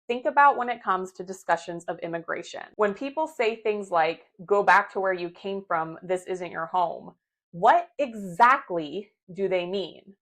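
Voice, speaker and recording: A young adult woman from the United States, a philosophy professor explaining clearly and asking many rhetorical questions to camera. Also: mid-range voice, unhurried, a bit bright. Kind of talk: scripted lecture to camera.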